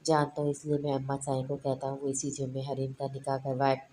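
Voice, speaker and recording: A woman's voice: extremely low pitch, completely flat delivery, a little fast, dark tone, a little hiss or hum. A woman voicing a furious, stern older man who heads the family, speaking in clenched, stony threats. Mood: seething anger.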